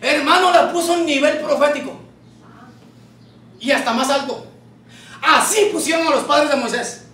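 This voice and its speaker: Male pastor, fervent shouting sermon, high voice, heavy church echo. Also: moderate pace, pauses often. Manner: fervent, shouting, calls out to the congregation. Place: church hall. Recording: echoey church from far off.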